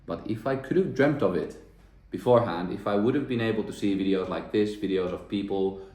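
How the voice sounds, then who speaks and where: Deep-voiced man musing earnestly. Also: a little fast, a little mellow. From Finland. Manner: earnest, thinking aloud with frequent restarts. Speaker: self-development vlogger. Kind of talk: reflective monologue to camera. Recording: echoey room.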